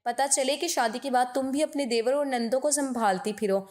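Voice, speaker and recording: A woman's voice: high-pitched, a little mellow, lightly acted. A woman reading the lines of an indignant young woman who scolds her fiancé in a storybook drama. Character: angry young woman breaking off engagement.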